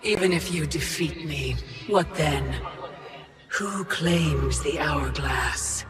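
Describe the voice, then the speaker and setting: Over music, an actress with a low voice plays an ancient female Titan in a video game, coldly menacing and persuasive. She speaks slowly in formal, commanding tones, a dramatic turn as a game villain.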